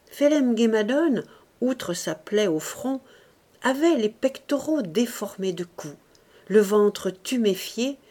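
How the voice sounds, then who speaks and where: Slow expressive woman audiobook reader. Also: medium pitch. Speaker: audiobook narrator. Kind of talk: literary audiobook reading.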